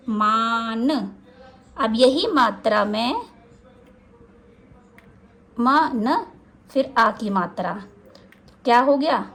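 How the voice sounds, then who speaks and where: A woman teaching a children's spelling lesson, sounding out syllables slowly and asking the viewer questions as she goes. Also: high-pitched, fairly bright tone. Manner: slow, drawn-out syllables for pronunciation practice.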